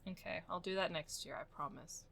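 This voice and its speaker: Giggly, bright-voiced woman. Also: on the low side, a little fast, creaky, slight background noise. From Australia. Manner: giggly, chatty. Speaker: co-host. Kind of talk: casual chat while drawing.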